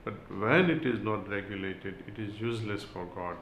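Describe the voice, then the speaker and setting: A man giving a spiritual talk and reading aloud, in a slow, measured way with long pauses. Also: fairly low pitch, a bit bright, echoey room, slight background noise, rough recording. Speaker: spiritual teacher.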